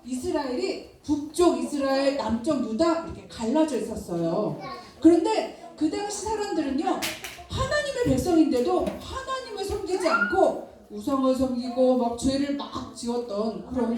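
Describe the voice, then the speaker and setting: A woman's voice: high voice, normal speed. A woman teaching Sunday school, telling a Bible story to children, acting out the characters' words and asking the children questions. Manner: animated, acts out prophet's and God's words, asks children questions. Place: church hall. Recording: very echoey church hall, distant mic.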